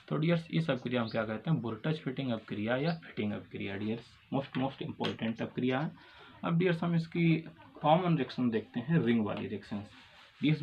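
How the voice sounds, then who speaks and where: A man's voice: medium pitch, vocal fry, a little hiss or hum. Man teaching a chemistry lecture. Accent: Hindi-speaking North Indian. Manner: repeats questions and answers, calls students "dears". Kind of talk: classroom lecture. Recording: dull lo-fi sound with faint ambience.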